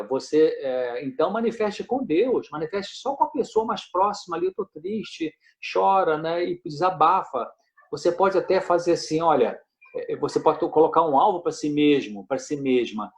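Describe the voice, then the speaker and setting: A man gives gentle pastoral advice on mental health, often checking in with "né?" and quoting scripture. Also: fairly high pitch. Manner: gentle, frequent "né?", quotes scripture.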